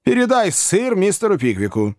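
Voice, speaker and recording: A man voicing a hot-tempered old gentleman who blusters and barks orders. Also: high-pitched, huge pitch swings, normal speed, dry recording, clean studio sound, voice pushed up. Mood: blustering.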